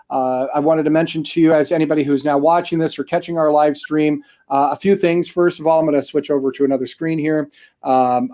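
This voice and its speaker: A man's voice: on the high side, a little mellow. A man hosting a live-streamed interview show, talking casually in a chatty, rambling way with lots of fillers.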